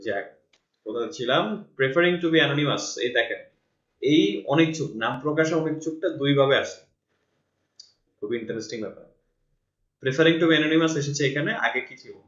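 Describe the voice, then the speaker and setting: A man's voice: fairly high pitch, moderate pace, long pauses, fairly bright tone. Patient male English teacher, Bangladeshi accent. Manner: patient, corrects reading aloud. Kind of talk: online English class, explaining in Bengali. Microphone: online call. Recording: roomy, dull online call audio.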